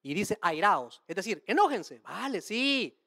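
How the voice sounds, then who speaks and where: A woman preaches a sermon that streams to listeners online, emphatic and very animated, posing rhetorical questions and addressing the audience as brothers and sisters. Her medium-pitched voice moves at a moderate pace. The audio is clean studio sound with no room noise.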